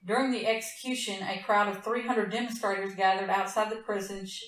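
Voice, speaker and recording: A Southern-accented woman hosts a casual true-crime chat and reads out case notes, rambling and blunt with easy laughter. Her mid-pitched voice sits back from the mic in a roomy, echoing space. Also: fairly even intonation, a little fast, fairly bright tone, recorded from a distance. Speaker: podcast host.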